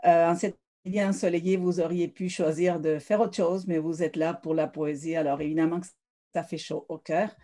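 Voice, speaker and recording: Flat, mellow-voiced woman reading poetry. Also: fairly low pitch, moderate pace. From South America. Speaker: poet.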